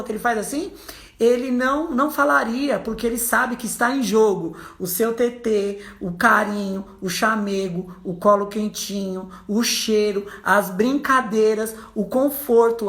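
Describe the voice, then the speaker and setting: Brazilian woman psychologist, fairly high voice, animated storyteller, roomy echo. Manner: lively storyteller who acts out quoted voices. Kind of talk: casual explanatory talk to viewers.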